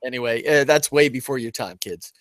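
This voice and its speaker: Man, casual recap co-host, animated delivery with sudden loud bursts, dry close sound. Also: mid-range voice, brisk, no room sound. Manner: animated, acts out scenes with sudden loud character bits.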